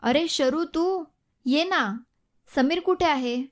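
A woman's voice: high voice, takes it slowly, voice pushed up. A woman voicing a concerned middle-aged father. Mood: coaxing. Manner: calm but urgent.

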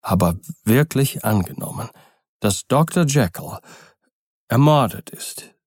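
A man voicing a sober, measured male lawyer who speaks low and calm. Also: breathy edge, dry recording, clean studio sound. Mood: grave. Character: grave, composed male lawyer.

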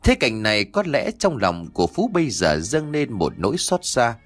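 A man narrates a ghost story with an animated, rising and falling delivery. He sounds dry and close to the mic. Faint music plays underneath. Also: mid-range voice, normal speed, no echo. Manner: lively, expressive reading, voicing each character's lines. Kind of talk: storytelling narration with character dialogue.

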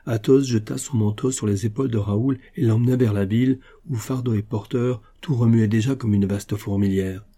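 A man narrating a classic novel as an audiobook in a calm, measured way. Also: lowish voice.

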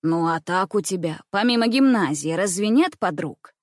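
A woman voicing a kind middle-aged uncle who speaks slowly and softly to the children, in a storybook reading. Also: fairly low pitch, animated, no room sound, clean studio sound, lightly acted. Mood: gentle.

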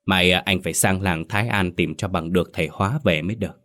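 A man voicing an eldest brother who speaks low and earnestly. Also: fast talker, a bit bright. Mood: worried. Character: eldest brother, worried and resolute.

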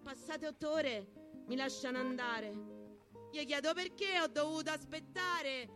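Over guitar accompaniment, a Roman-accented poetry performer gives a dramatic, forceful recital of rhyming verse. Their voice sits high and moves at a measured pace.

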